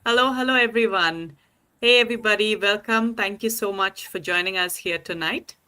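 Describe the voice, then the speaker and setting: A woman's voice: mid-range voice, normal speed, bright, forceful tone, clear, resonant tone. A woman hosting a live online panel discussion over a video call, upbeat and welcoming.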